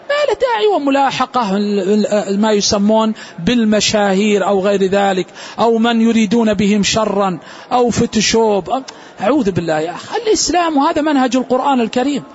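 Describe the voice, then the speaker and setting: A man giving a Quran exegesis lesson, explaining and reciting verse readings slowly. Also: high voice, husky, highs cut off. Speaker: Quran teacher.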